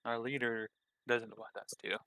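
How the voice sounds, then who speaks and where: A man's voice: mid-range voice, level tone, unhurried, bright, forceful tone, clear, resonant tone, dry recording, rough recording. A man voicing a grumpy male henchman in a tabletop game who mutters to himself and turns fake-friendly. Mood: grumbling.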